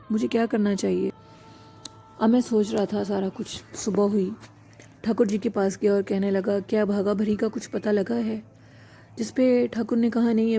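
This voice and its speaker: A woman narrating a first-person horror story in a steady, unhurried reading voice. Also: medium pitch, gravelly. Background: faint background music.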